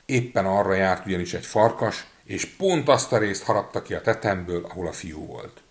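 Low-voiced man reading a fairy tale. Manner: expressive, changing voices for figures. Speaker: storyteller. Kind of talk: storybook reading.

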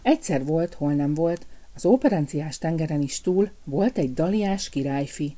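Calm woman reading a fairy tale. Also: sits low. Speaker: storyteller.

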